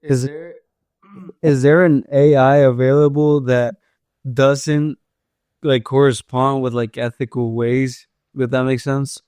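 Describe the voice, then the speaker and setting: A man's voice: medium pitch, fairly even intonation, slow, darkish tone, clean tone, no echo, clean studio sound. A young man co-hosting a casual podcast, talking hesitantly with many fillers. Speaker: podcast co-host. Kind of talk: casual chat.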